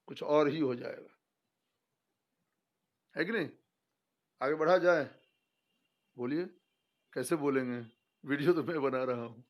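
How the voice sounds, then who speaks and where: A middle-aged male teacher giving a spoken grammar lesson, emphatic and full of rhetorical questions, acting out example sentences. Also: a little high.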